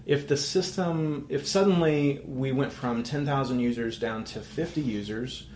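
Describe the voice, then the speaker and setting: A man's voice: mid-range voice, unhurried, a little mellow, echoey room, slight background noise. A man speaking as a guest in a casual tech interview, explaining earnestly with many restarts.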